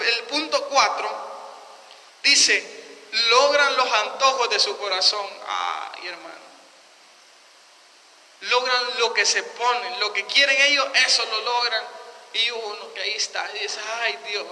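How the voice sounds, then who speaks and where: Lay preacher guy, really high voice, sermon in a church hall with a long echo tail. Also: pushed and bright. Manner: emphatic, acts out quoted voices, addresses listeners as brothers. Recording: long reverb.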